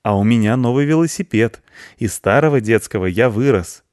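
A man's voice: mid-range voice, lively intonation, moderate pace, darkish tone, no echo, studio quality, lightly acted. A man voicing a mild, reasonable young schoolboy in a storybook. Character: shy, proud young schoolboy. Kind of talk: audiobook character voice.

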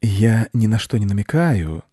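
A man's voice: lowish voice, big pitch swings, measured pace, mellow, husky, dry recording, clean studio sound, pitched above the performer's own voice, exaggerated voice. A man voicing a cunning male fox who speaks slyly in an audiobook. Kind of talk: audiobook character voice.

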